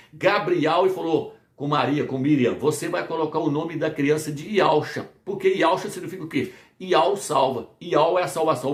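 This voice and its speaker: A man's voice: high voice, reverberant. A man preaching a Bible lesson, asking questions and answering them himself with emphasis. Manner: emphatic call-and-response questions. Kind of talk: preaching a Bible teaching video.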